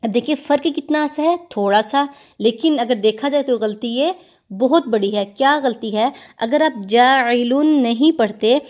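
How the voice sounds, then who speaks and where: High-voiced woman teaching recitation. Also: a little mellow. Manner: patient, explains step by step, repeats "theek hai"; slows and stretches words when demonstrating sounds. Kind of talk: explaining recitation rules in a lesson.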